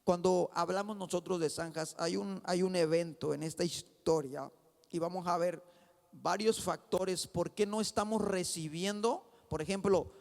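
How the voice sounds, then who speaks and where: A pastor preaching a sermon, fervently calling on his congregation and addressing them again and again as brother. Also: high-pitched. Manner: fervent preaching, repeats "hermano", calls congregation to answer. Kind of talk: Spanish-language sermon. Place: church sanctuary. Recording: long church reverb.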